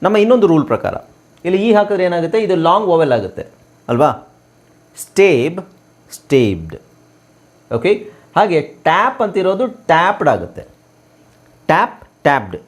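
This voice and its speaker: A man's voice: high-pitched, sing-song, fairly quick. A man from Karnataka teaching English spelling rules in a spoken lesson, spelling words out letter by letter and asking rhetorical questions. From Karnataka, India.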